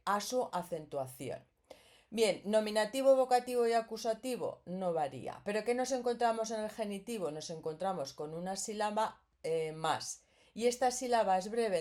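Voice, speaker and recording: A woman's voice: mid-range voice, darkish tone. A woman teaching a grammar lesson, explaining patiently and often checking in with the listener.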